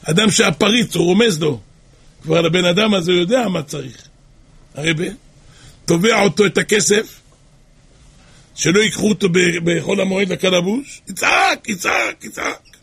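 Gravelly high-pitched man preaching dramatically. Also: pauses often. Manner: dramatic storyteller, shouts and drops to near whisper.

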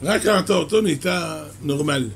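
A man giving a weekly Torah portion lesson, telling a Talmudic tale in a slow, measured storyteller's way. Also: on the high side, vocal fry, slight background noise. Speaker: Torah teacher.

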